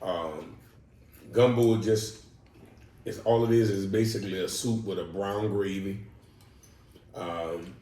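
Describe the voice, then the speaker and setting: A man's voice: low voice, steady tone, takes it slowly, long pauses, warm tone, recorded from a distance. A man from New Orleans with a local accent, talking over a family dinner and explaining at length with many fillers and firm emphasis. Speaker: husband, father. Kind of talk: casual family mukbang chat. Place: home dining table. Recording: echoey room, from off mic, faint noise.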